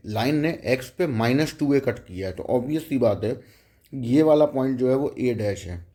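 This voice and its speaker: A man's voice: fairly low pitch, warm tone. A man teaching a math lecture, explaining step by step and often checking in with the students.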